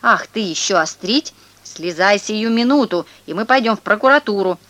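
A woman's voice: medium pitch, animated, moderate pace, fairly bright tone, no room sound, lightly acted. A woman reading a children's story aloud, voicing a stout man who bellows accusations in a raised voice. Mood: angry shouting. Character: boisterous stout man, furious and shouting.

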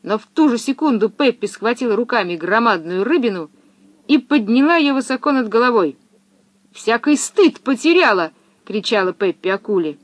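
Narrator: woman, expressive storybook reading, dry close recording. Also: on the high side, brisk, no room sound.

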